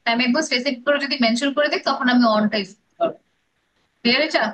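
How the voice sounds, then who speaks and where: A woman's voice: high-pitched, fast, a bit bright, a little hiss or hum, poor audio. A woman with a Bangladeshi accent teaching an English grammar class, drilling pronunciation and mixing English phrases into her explanations.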